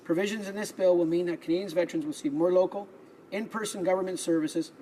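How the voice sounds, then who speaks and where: Male MP, higher register, formal parliament speech read from notes with small stumbles, light room noise. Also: fairly even intonation, fast, mellow, poor audio. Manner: reads prepared remarks, stumbling and restarting on words. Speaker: member of parliament. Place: legislative chamber.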